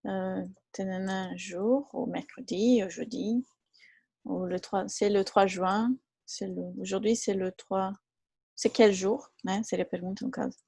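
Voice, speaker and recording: A woman teaching a live online class who explains patiently and repeats each example slowly. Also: mid-range voice, steady tone, creaky, warm tone, slightly rough, no room sound. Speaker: French teacher.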